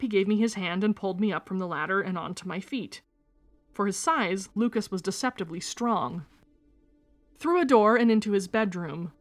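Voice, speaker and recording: Woman narrating a first-person story. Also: mid-range voice. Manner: steady, measured storytelling. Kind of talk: reading a first-person memoir aloud.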